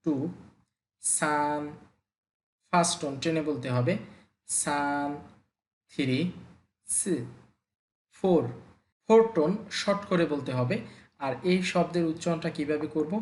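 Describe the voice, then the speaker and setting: A language teacher giving an online lesson, explaining calmly step by step and repeating each word twice for drilling. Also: medium pitch, roomy sound.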